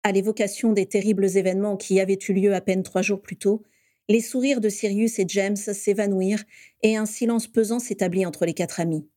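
A woman reading a story aloud with steady storytelling, giving each character a voice. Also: medium pitch, brisk, no echo, studio quality. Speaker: reader.

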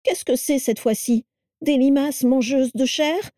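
A woman voicing a shrill, complaining young wife who is high-strung and theatrical. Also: a little slow, dark tone, no room sound, studio quality. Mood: whining.

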